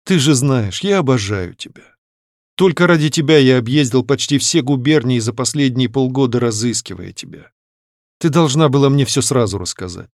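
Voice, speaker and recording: A man reading an audiobook, voicing a doting aristocratic father who speaks gently to his daughter. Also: mid-range voice, lively intonation, moderate pace, no echo, studio quality, natural voice. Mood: tender. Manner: haughty at first, then gentle and soothing.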